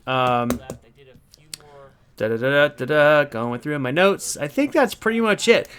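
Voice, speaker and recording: A man's voice: fairly high pitch, sing-song, a little slow, fairly bright tone, clear, resonant tone. A middle-aged man telling a behind-the-scenes story to camera in a casual, enthusiastic, rambling way.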